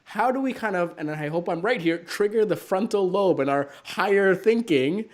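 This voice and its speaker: Chatty male host, slightly high voice. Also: animated, normal speed. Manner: chatty, many fillers, eager. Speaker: show host. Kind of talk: casual interview chat.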